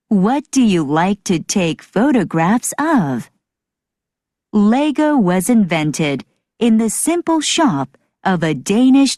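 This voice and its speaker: A woman reads a learning text in a clear, teacherly way, taking it extremely slowly. Her pitch moves in a bright, animated way. Soft music sits faintly under the dry voice. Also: dry recording. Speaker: narrator of English learning audio. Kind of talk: slow, clear reading for learners.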